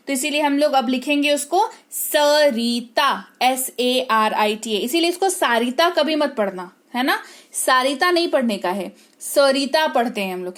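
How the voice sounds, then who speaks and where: High-pitched lady teacher, patient, says words slowly and asks if you got it. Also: fairly bright tone. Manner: patient, repeats words slowly and checks understanding. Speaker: English teacher. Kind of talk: explaining spelling to learners.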